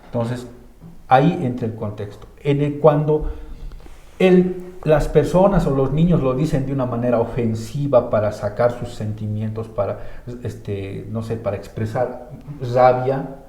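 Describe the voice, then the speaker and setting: A man's voice: medium pitch, unhurried, dark tone. Bolivian man teaching Bible, roomy sound. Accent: Bolivian Spanish. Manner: explains with many filler tags and restarts. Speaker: church teacher. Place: church room. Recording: roomy echo.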